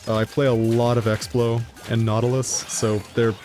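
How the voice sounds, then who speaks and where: A man's voice: mid-range voice, flat delivery, normal speed, music in the background. A man casually commenting on his gameplay during a live stream, rambling and chatty, laughing often and swearing casually.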